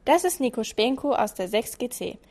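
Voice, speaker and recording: A woman with a higher voice reads school radio announcements. Her scripted delivery is upbeat and direct to the listeners. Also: big pitch swings, moderate pace, a little mellow.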